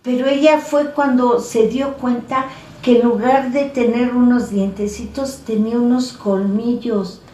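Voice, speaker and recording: A woman tells a horror story in a relaxed, conversational way, dropping in fillers as she goes. Her voice sits a little high and she talks slowly. She sounds a bit distant from the mic in an echoey room. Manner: conversational, many fillers like "pues" and "¿no?".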